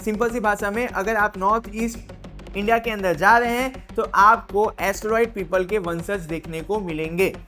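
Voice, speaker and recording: A woman's voice: medium pitch, fairly even intonation, moderate pace, fairly bright tone, soft background music. A woman teaching an exam revision lesson, playful and chatty, drilling her points by asking questions and answering them herself.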